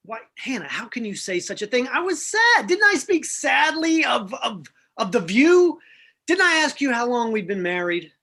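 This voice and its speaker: A sheepish, hesitant husband in a comic play reading, stumbling through his words, read by a woman. His pitch moves lively up and down. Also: husky. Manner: halting, hesitant delivery.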